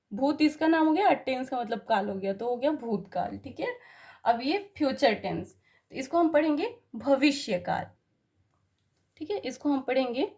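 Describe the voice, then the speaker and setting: A high-pitched woman gives a basic grammar lesson. She explains patiently, spells words letter by letter, and keeps checking that the class follows. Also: darkish tone. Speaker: teacher.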